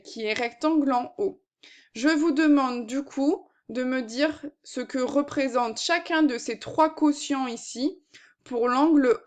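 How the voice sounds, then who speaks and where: A woman maths teacher giving a recorded lesson, explaining patiently step by step with frequent fillers. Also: high-pitched.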